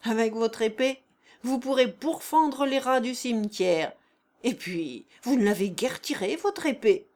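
A woman reading aloud and voicing a brash, mocking dead man who speaks loudly and taunts the others. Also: fairly high pitch, lively intonation, unhurried. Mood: taunting. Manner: loud, taunting, boastful.

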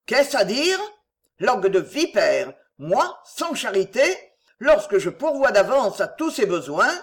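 A woman voicing an irascible rich old gentleman who scolds and blusters angrily. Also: medium pitch, big pitch swings, a little slow. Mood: indignant.

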